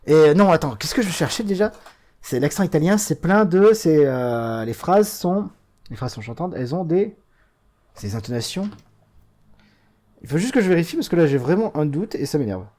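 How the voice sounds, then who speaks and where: A man hosts a let's play, offering casual, chatty commentary as he plays a video game and mocks it. He speaks at normal speed, hesitating often, with lively swings in pitch and loudness.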